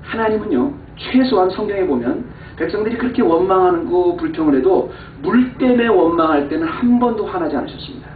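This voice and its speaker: A man preaches a sermon with a high voice, dipping to hushed asides and surging into heated, exasperated emphasis. The sound is thin and phone-like, with a roomy church echo and faint background noise. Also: expressive, fairly quick, few pauses. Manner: acts out quoted complaints in an exasperated voice. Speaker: pastor. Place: church sanctuary. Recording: echoey, far-off, phone-thin church recording.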